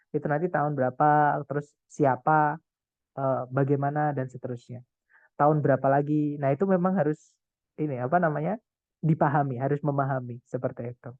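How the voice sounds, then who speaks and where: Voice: medium pitch, dry recording. A tutor giving a casual, encouraging online lesson, with many fillers and English phrases mixed in. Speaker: English test prep tutor. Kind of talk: online class lecture. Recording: tinny phone-like, dry sound.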